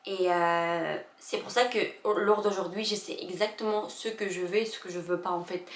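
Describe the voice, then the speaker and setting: A young woman vlogger who isn't a native French speaker tells a personal story emotionally, halting often with fillers and restarts. Her mid-range voice is a bit bright, and the room is echoey.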